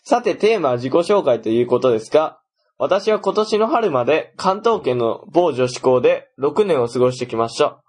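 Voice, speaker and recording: Laughing young Kansai man, husky. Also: on the high side, big pitch swings, moderate pace, a little mellow. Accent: Kansai Japanese. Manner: reads listener messages aloud, laughs often, teasing. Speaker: podcast co-host reading listener mail. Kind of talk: casual chat.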